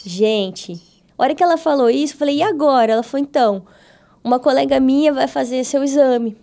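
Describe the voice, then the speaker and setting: A woman with a Brazilian Portuguese accent, a podcast guest telling her faith testimony in a lively way and acting out the voices of the people in her story. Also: high-pitched, fairly quick, creaky. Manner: animated, acts out quoted dialogue with her voice. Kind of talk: testimony storytelling in a casual interview.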